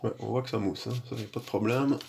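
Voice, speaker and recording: Homme à la voix grave et rocailleuse. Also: male voice, fairly low pitch, fast, creaky, darkish tone, slight background noise. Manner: rambling, many fillers, self-deprecating asides. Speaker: shaving vlogger. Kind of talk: casual how-to commentary.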